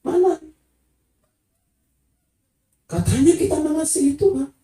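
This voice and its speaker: A woman delivers a sermon in a high voice, emphatic and calling out to the congregation, now and then singing a phrase. She sounds distant from the mic in a church hall, with heavy echo all around her. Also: sing-song, slow, dark tone. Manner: emphatic, calls out to the congregation, sometimes sings phrases. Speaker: preacher. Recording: echoey hall, voice from far off.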